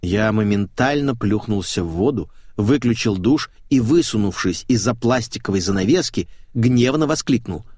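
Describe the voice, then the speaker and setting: A man's voice: lowish voice, lively intonation, moderate pace, few pauses, a little mellow, no echo, clean studio sound. A man narrating a comic novel in the first person, wry and self-mocking. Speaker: audiobook narrator.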